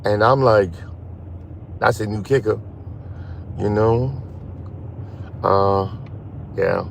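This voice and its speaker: A man hosting a casual phone livestream while driving at night, rambling and halting as he talks to his chat. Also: fairly low pitch, vocal fry, slight background noise. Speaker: live stream host. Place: in a car at night.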